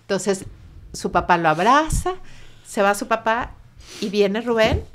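A middle-aged Mexican woman, an interview guest, telling a painful personal story in a soft, halting voice that often sinks to a near whisper. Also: mid-range voice, expressive, slight background noise. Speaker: interview guest, bereaved mother. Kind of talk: emotional personal testimony.

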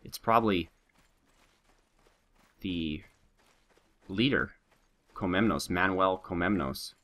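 A let's play host with a low voice speaks slowly, sounding slightly sick, a bit nasal with a sore throat. Still, his gameplay commentary is animated and joking as he addresses both his troops and his viewers.

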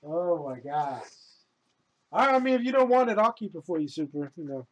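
A man hosting a live sports card break, announcing each card pulled with a slow, loud build and casual laughing asides. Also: on the high side, sing-song, dry recording, poor audio.

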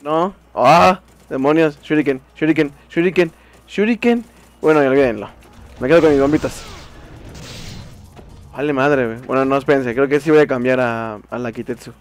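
A young man with a Mexican accent giving casual commentary while playing a video game, swearing and shouting in frustration. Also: mid-range voice, normal speed. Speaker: gameplay streamer. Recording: faint game music behind.

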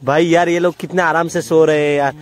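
A man's voice: fairly high pitch, little pitch movement, brisk. Whiny young cameraman camping outdoors. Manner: whiny, pleading and teasing. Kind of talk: casual chat with friends. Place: campsite outdoors at night.

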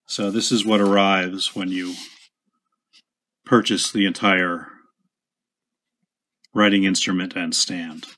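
A man casually demonstrating a writing instrument at his desk, chatty and unhurried, with small asides and self-corrections. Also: low voice, steady tone, pushed and bright. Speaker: pen shop owner demonstrating a product.

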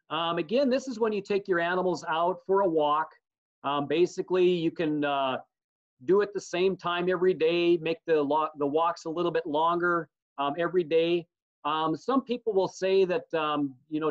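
A man with a somewhat high voice, teaching an online slideshow lesson in a relaxed, practical way and pausing often on ums. The audio is dull and lo-fi, as from a webcam mic. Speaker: extension instructor.

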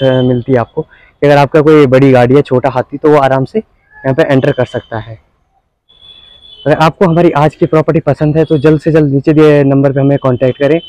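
A young man hosting a real estate channel, giving an upbeat sales pitch as he walks a street and an empty shop, with short pauses between phrases. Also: warm tone, no echo, poor audio. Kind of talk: property walkthrough narration.

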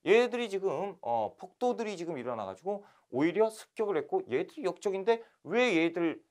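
Guy putting on a smug harsh inspector ordering people around, loud and pushy. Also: medium pitch, fast talker, lightly acted. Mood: accusing. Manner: bossy, accusing. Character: arrogant male royal inspector, harsh interrogator.

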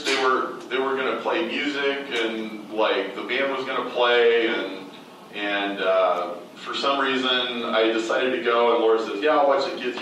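A man's voice: mid-range voice, bright, forceful tone, heavy reverb, recorded from a distance, slight background noise, poor audio. A man telling a personal story to a seminar audience, rambling with many restarts and fillers. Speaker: speaker at a seminar. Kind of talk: storytelling talk to a live audience. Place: event room on stage.

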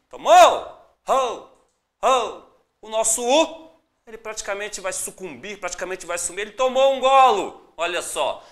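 A Brazilian-accented teacher running a live exam-prep class, voice swooping up and down with every point. The tone is bright and forceful, and the delivery is upbeat, encouraging and full of direct greetings to viewers. Words get broken into slow, drawn-out syllables to make each rule clear. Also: mid-range voice. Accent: Brazilian Portuguese.

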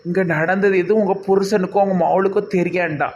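Cartoon panchayat leader voiced by a man, Tirunelveli Tamil, high-pitched and stern. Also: steady tone, a little fast, muffled recording, a little hiss or hum. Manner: commanding, threatening. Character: stern middle-aged village panchayat leader.

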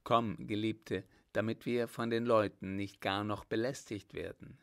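A man's voice: fairly low pitch, fairly even intonation, a little slow, vocal fry. A man voicing a brave, ardent young male lieutenant with a firm, earnest manner. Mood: resolute.

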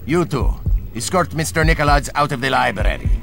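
A threatening military officer in a video game. His voice is gravelly and curt, with lively swings of pitch as he gives orders. Music plays behind him. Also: brisk. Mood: stern. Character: menacing foreign military officer demanding a weapon key. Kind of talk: video game cutscene acting.

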